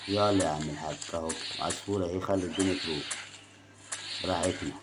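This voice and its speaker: Deep-voiced Egyptian gamer over game music. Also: male voice, fast talker. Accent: Egyptian Arabic. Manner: chatty, coaxing, teasing the opponent, bursts of excitement. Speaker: gaming video host. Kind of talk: casual gameplay commentary.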